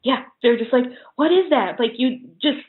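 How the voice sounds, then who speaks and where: Over muffled, phone-like call audio, a high-voiced woman talks at normal speed with lively intonation. She's a guest in a casual interview, sharing personal stories and frequently giggling mid-sentence.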